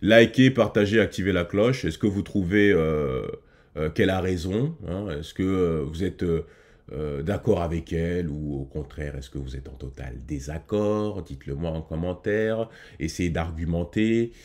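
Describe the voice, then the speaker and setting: Deep-voiced man hosting a reaction video. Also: moderate pace, darkish tone. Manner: hesitant, many fillers and restarts; addresses viewers directly. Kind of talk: casual reaction commentary.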